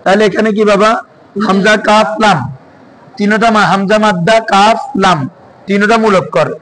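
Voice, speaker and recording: A man's voice: high voice, steady tone, moderate pace, crowd noise, low-quality recording. A man teaching an Arabic grammar class in Bengali, drilling his students with constant repeated questions. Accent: Bangladeshi Bengali. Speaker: madrasa teacher.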